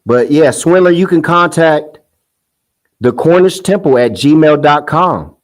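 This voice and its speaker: A man's voice: on the high side, lively intonation, measured pace, low-quality recording. Scoffing man ranting in casual commentary. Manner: heated, scoffing, rambling with restarts; sing-song mocking quotes. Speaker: commentary host.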